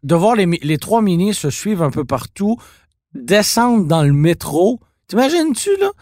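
A man with a Québécois French accent co-hosting a podcast, telling stories in a teasing, animated way. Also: high-pitched, normal speed, no room sound, clean studio sound. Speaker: podcast co-host. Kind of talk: casual podcast chat about car films.

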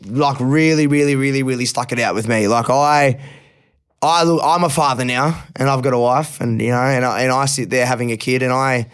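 A man's voice: mid-range voice, steady tone, fairly quick, clear, resonant tone. An Australian man, a rapper guesting on a podcast, talking candidly and reflectively in casual chat, swearing now and then and repeating words when moved.

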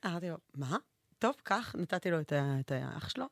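A woman hosting a radio show in casual chat, chatty and laughing, telling lively anecdotes. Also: sits low, gravelly, no echo, clean studio sound. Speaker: radio host. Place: radio studio.

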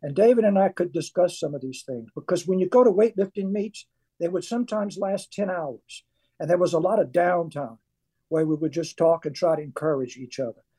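An older Cajun-accented man from South Louisiana, an author and former weightlifter, tells his story earnestly and emphatically as a radio interview guest. His voice is high-pitched and warm with a breathy edge, and he speaks briskly.

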